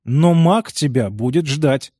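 A man's voice: a little high, expressive, takes it slowly, mellow, dry recording. Man playing a stern strict uncle. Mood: grudging. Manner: curt, dry, reluctant.

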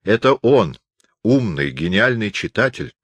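A man reads a literary lecture in a measured, ironic way. His voice sits very low. The recording is dry and close, with no room sound. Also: sing-song, husky, dry recording. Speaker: lecturer reading a lecture text. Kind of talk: scripted reading of a literary lecture.

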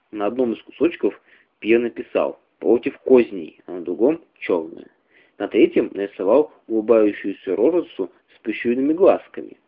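A man reading a literary story aloud in a measured, expressive way. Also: lowish voice. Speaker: reader. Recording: tinny phone-like radio recording.

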